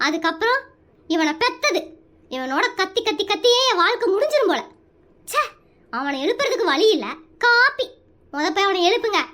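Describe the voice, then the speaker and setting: Cartoon comedy: performer as a frazzled, nagging mother, very high and fast, all threats and scolding. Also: pushed and bright, exaggerated voice. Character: scolding frazzled young mother, shrill temper. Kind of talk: Tamil cartoon comedy dub.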